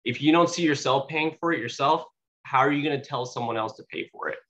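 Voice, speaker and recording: A young man with a mid-range, fairly bright voice talks quickly, giving a motivational speech as a guest speaker at a sales meeting in a meeting room. He speaks casually, with many fillers, and sounds a little sniffly from allergies. The lo-fi recording is dull and carries a slight hiss or hum.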